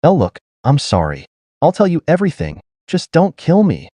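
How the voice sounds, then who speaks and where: A man voicing a boastful male cyborg gorilla monster who quickly turns cowardly and pleads. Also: mid-range voice, sing-song, darkish tone, no echo, studio quality, natural voice. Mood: pleading.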